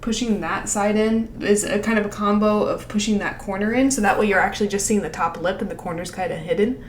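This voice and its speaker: A woman's voice: mid-range voice, brisk, roomy sound, slight background noise. A woman giving casual animation feedback, rambling with lots of fillers and frequent laughs. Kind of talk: casual critique over a screen share.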